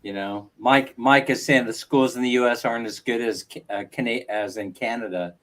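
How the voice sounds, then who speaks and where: A man's voice: medium pitch, steady tone, moderate pace, a bit bright. A man co-hosting a casual live chat, joking and reading out viewer comments.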